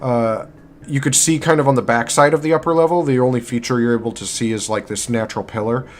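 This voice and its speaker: A man runs a tabletop game as game master, talking in a loose, rambling way full of fillers and quick self-corrections. His voice sits at an ordinary middle pitch. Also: steady tone, slight background noise. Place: home streaming setup.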